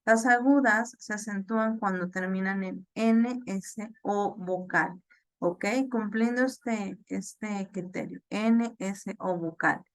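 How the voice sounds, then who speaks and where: Slow-talking woman teacher. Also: medium pitch, no echo. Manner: slow, halting explanation with many fillers and repeats; checks understanding with "ok?". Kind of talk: online class lecture.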